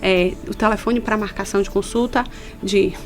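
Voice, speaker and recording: A woman's voice: mid-range voice, steady tone, normal speed, faint music behind. A woman from Brazil, a labor inspector, explaining things earnestly in a radio studio interview. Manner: explanatory, earnest, stresses key points.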